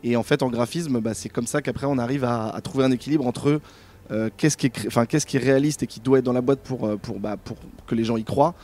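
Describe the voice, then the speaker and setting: A man's voice: medium pitch, fast, warm tone. A man interviewed about designing games, talking casually with many fillers and restarts. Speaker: game designer guest.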